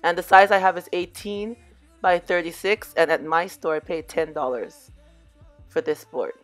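A DIY crafts vlogger with a hoarse, somewhat low voice narrates a casual crafting tutorial at normal speed, sounding a bit under the weather. She's relaxed and chatty, calling her viewers "you guys," while soft music plays faintly underneath.

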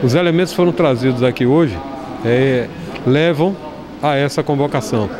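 A man's voice: mid-range voice, normal speed, a crowd in the background. A middle-aged man, a city councilman, answering a reporter's questions firmly in a council chamber, speaking into a handheld mic. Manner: firm, insistent, repeats phrases for emphasis. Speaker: city councilman on an inquiry committee. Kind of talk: press interview.

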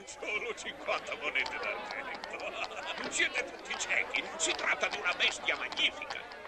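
A man's voice: high-pitched, huge pitch swings, a little slow, crowd noise, background noise, full character voice. A man playing a big, blustering, mocking horse-market auctioneer in a theatrical cartoon dub, with a showman's sarcastic patter. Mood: salesman's bluster. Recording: music behind the voice.

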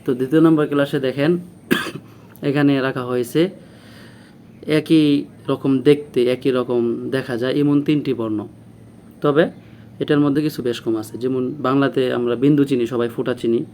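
Guy doing a slow patient letter lesson, says everything twice, bit of background hiss. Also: mid-range voice, fairly even intonation, dark tone. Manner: patient, repeats phrases and models sounds slowly. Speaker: Arabic teacher. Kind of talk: classroom lesson.

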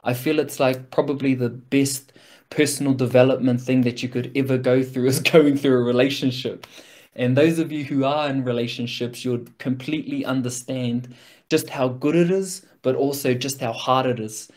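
A man from New Zealand with a broad Kiwi accent speaks at a middling pitch. He talks casually and earnestly, reflecting in a motivational style, using slang and often checking in with a short question. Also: fairly even intonation, moderate pace, darkish tone. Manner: earnest, informal, peppered with slang and rhetorical "right?".

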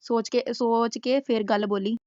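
Taunting woman roasting in a mellow voice. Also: a little high, steady tone, normal speed, no echo, dull audio. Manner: taunting, scolding, rhetorical questions. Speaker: YouTube roast host. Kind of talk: scolding roast commentary.

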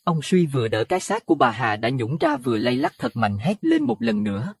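A man narrating a Buddhist horror audio story in an expressive, dramatic way. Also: mid-range voice, a little fast, slightly rough, dry recording. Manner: expressive, rising to alarm at scary moments.

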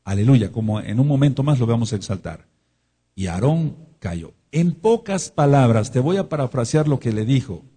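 A man's voice: mid-range voice, animated, moderate pace, warm tone, husky. A man with a Mexican accent preaching a sermon as pastor, emphatic, often repeating words. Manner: emphatic, repeats words, voices imagined questioners.

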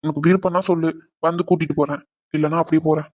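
A man voicing a hurt, remorseful young husband who talks low and earnestly to his wife. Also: little pitch movement, racing, slight background noise, lightly acted. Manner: subdued, earnest.

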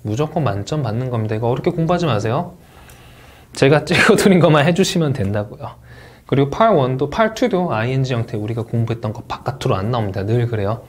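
Energetic man lecturing on test prep. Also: mid-range voice, brisk. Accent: Korean. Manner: energetic teacherly, modeling English words aloud. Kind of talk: exam lecture.

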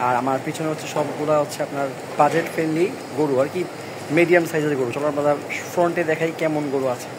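A young man walking through a large covered cattle shed at night, filming on a handheld phone and excitedly narrating a tour. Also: on the high side, fast, background noise. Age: young adult. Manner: excited, chatty, gushing over the animals. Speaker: vlogger touring a cattle farm. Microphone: handheld phone camera.

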